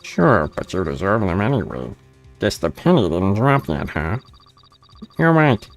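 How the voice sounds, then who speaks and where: A man putting on a mystery caller who hides behind a disguised voice, low-pitched and smug. The delivery swoops up and down in a mocking sing-song. Faint music plays underneath. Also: very animated, unhurried, heavily acted. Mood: taunting. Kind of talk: reading game dialogue aloud.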